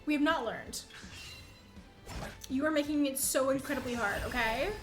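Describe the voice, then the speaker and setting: A woman's voice: sits high, moderate pace. A young woman from Canada giving casual, rambling live commentary on her video game speedrun, chatty and self-deprecating. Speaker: speedrunner streamer. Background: faint game music.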